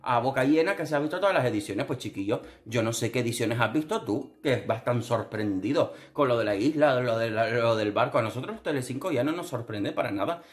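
Brief: young man from Spain, camp sarcastic reality-show commentator, theatrical asides, mid-pitched voice. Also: animated, a little fast, hardly any pauses. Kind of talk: casual commentary vlog.

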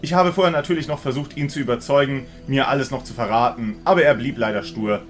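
A man's voice: mid-range voice, fast, soft background music, close to an everyday voice. A man reading out a smug, mocking female killer in an audiobook-style story. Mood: gloating. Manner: smug, mocking, coolly theatrical. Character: cold scheming female killer, gloating.

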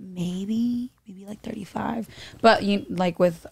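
A woman's voice: medium pitch, fairly even intonation, takes it slowly, vocal fry, husky. Chatty woman in her twenties. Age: 20s. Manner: chatty, storytelling with many fillers. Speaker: guest. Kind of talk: casual podcast chat. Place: podcast studio with posters. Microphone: studio mic on boom arm, headphones.

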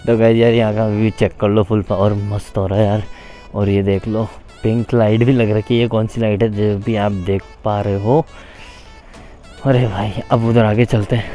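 An excitable young man, riding and walking through a lit park at night. He talks in an easygoing, chatty vlog way, throwing in the same catchphrases again and again. The sound comes from a small clip-on mic under his helmet, with faint music behind. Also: lowish voice, moderate pace. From India. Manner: excitable, repeats "full power" and "yaar". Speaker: motovlogger. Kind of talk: casual vlog narration.

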